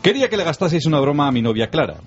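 A man hosting a radio morning show, briskly reading out a listener's email. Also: on the high side, sing-song. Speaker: radio host. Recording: dull lo-fi radio audio with music.

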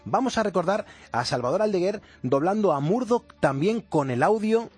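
A man's voice: high voice, lively intonation, moderate pace, husky, faint music behind. A man hosting a casual radio interview, eager and full of approving murmurs. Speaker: radio host. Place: radio studio.

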